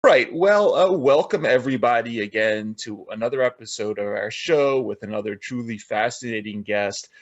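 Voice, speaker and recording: A man's voice: medium pitch, moderate pace, hardly any pauses, no echo, dull audio. A man hosting an interview podcast, introducing a guest with many filler uhs. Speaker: podcast host.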